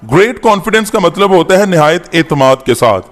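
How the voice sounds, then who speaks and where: A man teaching an English-to-Urdu lesson, slowly repeating each word and its meaning. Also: sits high, big pitch swings, long reverb tail. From Pakistan. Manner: spells out words slowly, repeating each one.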